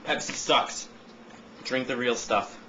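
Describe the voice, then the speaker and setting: A man's voice: mid-range voice, slow pace, music in the background. A man chatting casually and jokingly, with mock boasts. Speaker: burping contest vlogger. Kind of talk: casual chat. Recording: dull lo-fi audio, loud background noise.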